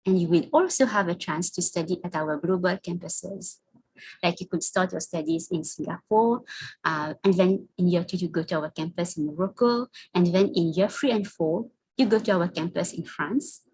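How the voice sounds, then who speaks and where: Woman hosting an online info session, bit husky, kinda low voice, reads from slides. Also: darkish tone, rough recording. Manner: scripted, calls for the next slide. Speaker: presenter.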